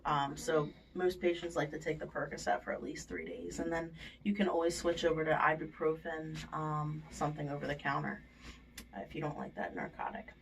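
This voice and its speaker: A woman with a lowish voice and noticeable vocal fry talks through patient instructions in an explanatory way, checking in as she goes. She sounds a little distant from the microphone, with faint noise in the room. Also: brisk. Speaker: dental surgery staff giving aftercare instructions. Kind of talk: informal spoken patient instructions. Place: indoors at a clinic.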